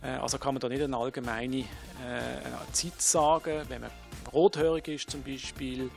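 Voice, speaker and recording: A man explains sun damage calmly in an interview, pausing with fillers. His voice has a gravelly edge, and faint music plays beneath him. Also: mid-range voice. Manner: calm, explanatory, with filler hesitations. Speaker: skin expert.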